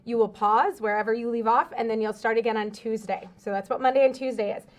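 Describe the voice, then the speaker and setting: A woman's voice: on the high side, fairly even intonation, fast. A woman giving an informal school announcement, explaining things step by step and addressing students directly.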